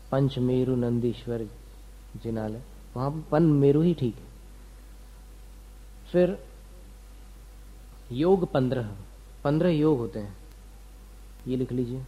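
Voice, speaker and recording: A man's voice: medium pitch, measured pace, pauses often, dark tone, rough recording. A man giving a doctrinal lecture to students, asking and answering his own questions and listing terms one by one. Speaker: religious teacher.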